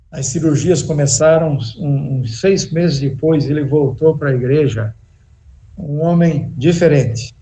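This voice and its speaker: Male pastor, mid-high pitch, slow deliberate sermon delivery, mellow tone. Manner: slow, emphatic preaching with pauses and restarts. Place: church sanctuary.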